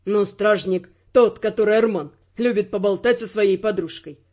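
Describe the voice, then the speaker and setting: A woman's voice: mid-range voice, normal speed, warm tone, muffled recording, voice pushed down, lightly acted. A woman voicing a wry, persistent young male secret agent who argues his point evenly. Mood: reasoning.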